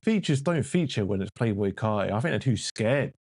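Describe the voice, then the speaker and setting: A man's voice: on the low side, animated, brisk, a little mellow. A man reviewing music as a reaction host, blunt and full of swearing and exasperated outbursts. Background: faint music playing.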